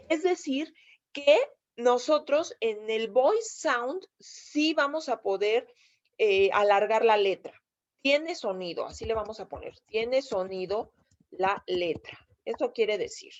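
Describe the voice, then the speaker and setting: Speaking a little loudly in a higher-pitched voice with a Mexican Spanish accent, a female English teacher patiently lays out grammar rules step by step for a video lesson. She keeps stopping to ask "¿sí?" to check that everyone understands. The sound quality is somewhat dull and lo-fi.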